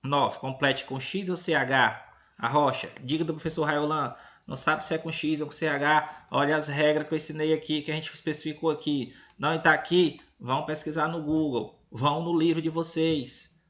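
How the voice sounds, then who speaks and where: A man teaching children reads a school lesson aloud, his voice a little high and a bit bright, slightly fast, with little pitch movement. He is from Tocantins, Brazil, speaking with a Brazilian Portuguese accent, and patiently checks in with "entendeu?" and "beleza?" while teasing about giving answers away.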